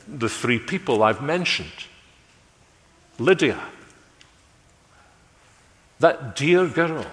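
A man preaching a sermon in a measured way, letting his phrases fall away quietly at their ends. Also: on the high side. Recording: long hall reverb.

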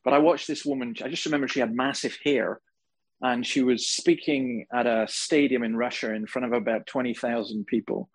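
A man preaching a sermon to a congregation, telling stories with humor and animated emphasis. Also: mid-range voice, brisk, slightly rough, poor audio. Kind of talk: sermon with storytelling. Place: church hall before a live congregation.

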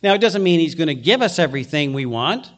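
A man's voice: fairly high pitch, very animated, quick pace, fairly bright tone. A middle-aged male pastor giving an earnest expository sermon, with frequent restarts as he works through the text.

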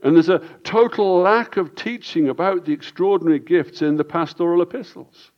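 A man preaching a sermon as pastor, earnest and deliberate, often restarting and repeating his words. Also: high voice, muffled recording.

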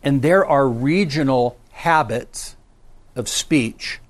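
Middle-aged pastor guy teaching a class, slow and deliberate, keeps saying okay? right?, pretty lively with his pitch. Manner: conversational, checks in with frequent "okay?" and "right?"; varies pitch and pace for emphasis. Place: church meeting room with a small class.

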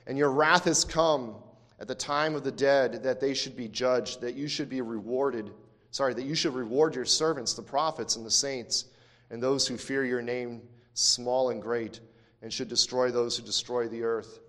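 A man's voice: mid-range voice, in a large hall. A man teaching a Bible lesson, reading verses aloud and explaining them with emphatic repetition and frequent self-corrections. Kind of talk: scripture lesson.

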